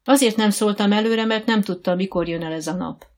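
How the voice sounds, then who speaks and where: Stern middle-aged schoolteacher from a storybook, read by a woman; sharp, a little raspy. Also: medium pitch, natural voice. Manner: loud, sharp, critical.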